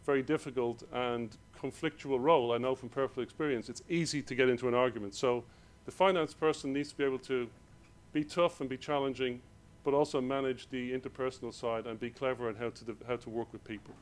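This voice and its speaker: A man with an Irish accent, giving a hurried conference presentation in a hall. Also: mid-range voice, steady tone. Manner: rushed, hurried delivery. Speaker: conference speaker.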